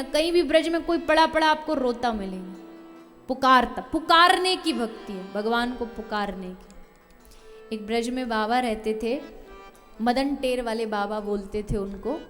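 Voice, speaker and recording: A woman preacher telling a devotional story in a sermon, emphatic and expressive. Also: on the high side.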